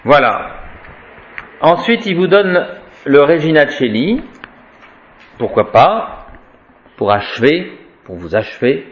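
A man's voice: fairly high pitch, big pitch swings, takes it slowly, long pauses, lo-fi sound. A man giving an informal Latin grammar lesson. He talks in a chatty, wry way and drills declensions aloud. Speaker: Latin teacher.

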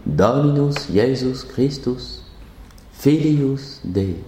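A man teaching a Latin lesson, patient and chanting declensions slowly, in an echoey room. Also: medium pitch, animated, warm tone, slight background noise. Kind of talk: classroom lesson.

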